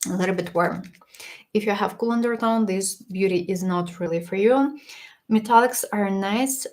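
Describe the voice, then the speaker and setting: A woman's voice: medium pitch, darkish tone. Chatty woman reviewing makeup, voice a bit worn. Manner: chatty and frank, with small laughs and restarts. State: slightly losing her voice. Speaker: makeup livestream host. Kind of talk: casual product review on a livestream.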